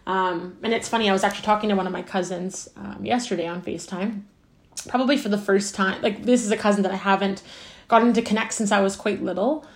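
A woman's voice: mid-range voice, fairly even intonation, quick pace. A woman hosting a podcast interview, chatty and effusive with a lot of fillers. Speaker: podcast host. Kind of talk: casual interview chat. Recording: roomy echo.

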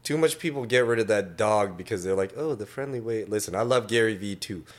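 Man, early thirties, brash, swears a lot, animated, casual podcast chat. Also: fairly low pitch, a little fast. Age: 30s. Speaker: podcast guest.

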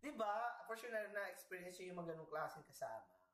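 A man's voice: high-pitched, animated, fairly quick, a bit bright. A man from the Philippines co-hosting a podcast, telling stories in a playful, sassy, self-mocking way. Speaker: podcast co-host. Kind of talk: casual storytelling chat. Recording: echoey room.

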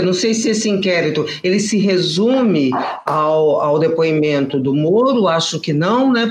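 A woman speaking as a panelist in a discussion, thinking aloud in a tentative way. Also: on the low side. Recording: roomy with faint background noise.

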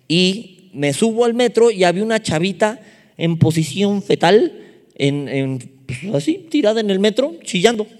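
Mexican male preacher, high voice, lively humorous storyteller, long hall echo. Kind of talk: sermon.

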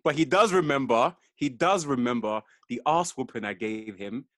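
Boastful podcast co-host, mid voice, close dry recording. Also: male voice, mid-range voice, moderate pace, a bit bright, no echo. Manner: boastful, laughing, slangy. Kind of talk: casual podcast chat.

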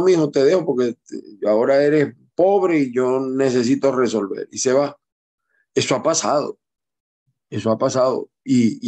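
A middle-aged man, hosting political commentary, slow and digressive with wry asides. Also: medium pitch, darkish tone. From Venezuela. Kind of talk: commentary on a news clip.

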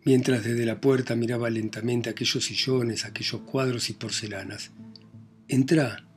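A man reading a novel aloud as narrator, in a plain, measured telling that lifts his pitch and volume when voicing characters. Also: fairly even intonation, faint music behind. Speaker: audiobook narrator.

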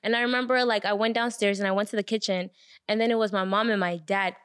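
A young woman co-hosting a casual chat, telling a story in an animated way, acting out the people she quotes, with lots of fillers and laughter. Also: medium pitch, fast talker, clear, resonant tone.

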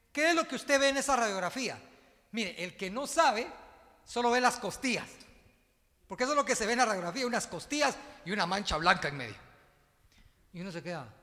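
In a church hall with a long reverb tail, a pastor with a high, bright, forceful voice tells a story during his sermon. He then stirs up the congregation, leading them in rousing call-and-response as they repeat after him.

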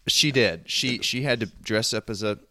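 A man's voice: fairly low pitch, normal speed, bright, forceful tone, dry recording. A man hosting a podcast in casual chat, riffing and joking. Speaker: podcast host.

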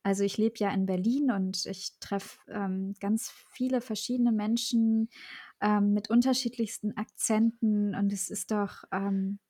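A woman's voice: medium pitch, steady tone, unhurried, mellow, breathy edge. A woman hosting a casual conversation, who affirms her guest and speaks with enthusiasm.

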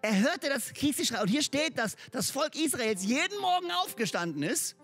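High-voiced, husky-toned preacher man. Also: normal speed, soft background music. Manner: lively and emphatic, mixes in English words; conversational, speaks directly to listeners. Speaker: pastor. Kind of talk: sermon.

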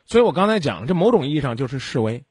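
A man's voice: medium pitch, sing-song, rapid-fire, a little mellow, husky, no room sound, clean studio sound. A male radio advice host who lectures callers bluntly and scolds them sternly. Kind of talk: late-night radio advice talk. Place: radio studio. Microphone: studio microphone.

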